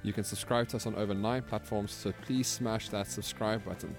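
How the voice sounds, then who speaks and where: A man's voice: on the low side, fairly even intonation, brisk, over music. A man with a South African accent co-hosting a podcast, joking and laughing between his lines. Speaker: podcast co-host. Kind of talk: casual podcast interview.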